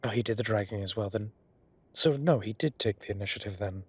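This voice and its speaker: In a brisk, husky low voice, a man performs an ancient godlike being for a roleplay audio drama, teasing yet softly romantic. His manner is theatrical, drawling and indulgent, and he sounds gossipy and teasing.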